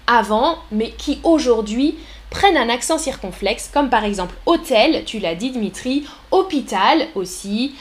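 Woman, French teacher on a live stream, slightly high voice, patient explanations, slow repeated examples, talks to chat. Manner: explanatory, repeats words slowly for learners, addresses chat. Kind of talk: live-streamed language lesson.

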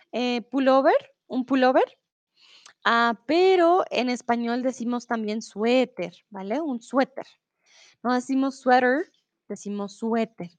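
Teaching online live, a woman with a high voice patiently answers students' chat messages and reads out riddles at a slow, careful pace. This Spanish teacher switches between Spanish, English, and German to explain, recorded with no room sound.

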